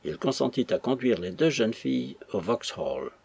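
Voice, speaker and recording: A man reading a classic novel aloud in an expressive way. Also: mid-range voice, moderate pace, vocal fry, breathy edge, dry recording. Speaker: audiobook narrator. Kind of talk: scripted narration of a classic novel.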